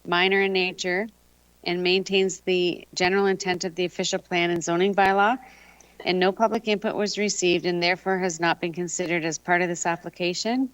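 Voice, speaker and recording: A woman's voice: fairly low pitch, level tone, a little fast, no room sound. A woman chairing a committee meeting in formal, procedural language. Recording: dull, dry meeting audio.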